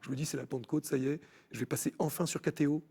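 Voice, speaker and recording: A man telling his personal faith story as a TV guest, in an animated storytelling manner with many restarts. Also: a little high, rapid-fire, breathy edge. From France. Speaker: guest musician. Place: TV studio.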